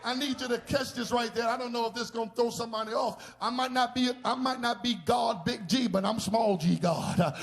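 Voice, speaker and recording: A man a sermon as a bishop, shouting in bursts and calling out to the congregation for responses. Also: very high voice, steady tone, a little fast, creaky, few pauses. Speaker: bishop preaching. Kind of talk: charismatic sermon.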